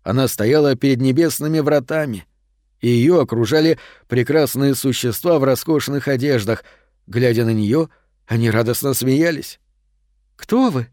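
A man narrating a fairy tale audiobook in a calm, measured storytelling manner. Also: mid-range voice, no room sound, studio quality.

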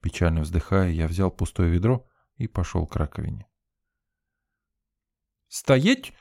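Low, mellow male audiobook narrator. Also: brisk, gravelly, no echo, clean studio sound. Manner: wry, ironic storytelling. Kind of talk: scripted first-person narration.

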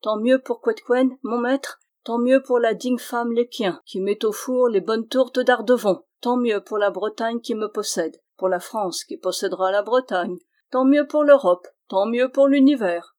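A woman's voice: medium pitch, moderate pace, darkish tone, lightly acted. A woman voicing an impish little male dwarf who mocks and teases in a raised, exuberant voice. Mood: teasing. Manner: teasing, exuberant.

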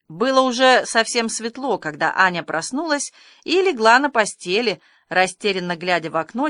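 A woman reads a classic novel aloud in a measured, expressive way, her voice sitting in a middle pitch. The recording is dry and close, with no room sound around her. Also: dry recording. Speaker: audiobook narrator. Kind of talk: scripted narration.

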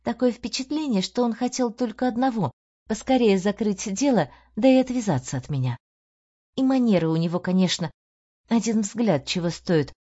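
Woman doing an eager young woman, earnest, lively raised voice, warm mellow tone, dull lo-fi sound. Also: mid-range voice, moderate pace, voice pushed up, lightly acted. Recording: dull lo-fi audio.

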